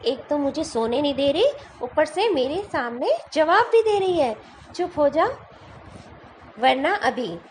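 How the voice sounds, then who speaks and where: A woman's voice: sits high, lively intonation, a little slow, slight background noise. A woman doing an angry lion king.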